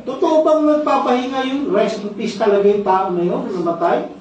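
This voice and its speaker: A man's voice: high-pitched, lively intonation, moderate pace, darkish tone. A man preaching a sermon as pastor, telling stories, repeating key phrases and ending phrases with a questioning "no?". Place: church sanctuary, indoors. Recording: very echoey hall, distant dull mic.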